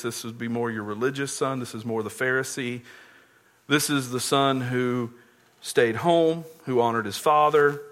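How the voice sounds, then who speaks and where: A man's voice: mid-range voice, a bit bright. A man preaching a sermon, earnestly explaining scripture and often repeating words as he goes.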